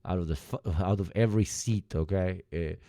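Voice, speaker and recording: A man with a deep, relaxed voice hosts a casual livestream, recorded dry and close. He rambles sardonically between political commentary and chat with his viewers. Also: brisk, no room sound. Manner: rambling, sardonic, sweary asides. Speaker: livestream host.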